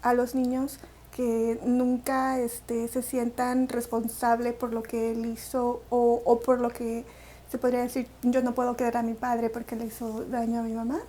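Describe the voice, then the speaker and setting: High-voiced Salvadoran woman recounting her story. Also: monotone, moderate pace, dark tone. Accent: Salvadoran Spanish. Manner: reflective, with many fillers and restarts. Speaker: interview guest. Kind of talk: personal story in an interview.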